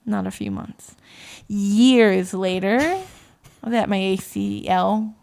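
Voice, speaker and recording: A woman co-hosting a podcast, telling a story in casual, animated chat, swearing often and acting out voices when she quotes. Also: medium pitch, slow, vocal fry. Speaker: podcast co-host.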